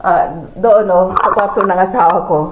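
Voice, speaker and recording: A woman's voice: mid-range voice, fairly even intonation, normal speed, very noisy. A woman from the Philippines telling a story in a casual home vlog, chatty and full of fillers and exclamations. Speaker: family vlogger. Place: at home, indoors. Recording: echoey room, dull lo-fi sound.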